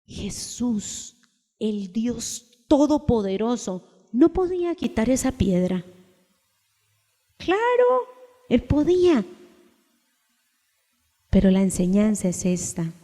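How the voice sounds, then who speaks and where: Woman preacher, slow and emphatic sermon delivery, fairly high voice, echoing church hall. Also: big pitch swings, warm tone. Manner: emphatic, asks the congregation repeated questions; slow, deliberate delivery with sudden raised cries. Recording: long echo of a large hall.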